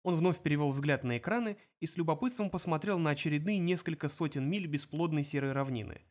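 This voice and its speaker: A male audiobook narrator, his voice sitting a little high. He reads the prose in an expressive, lively manner. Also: quick pace. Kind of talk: scripted narration.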